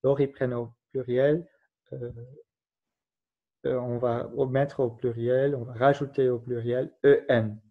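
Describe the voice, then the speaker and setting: A man's voice: medium pitch, level tone, a little slow. A man giving a recorded grammar lesson, patiently explaining rules and spelling out letters one at a time. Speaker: teacher. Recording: dull lo-fi recording.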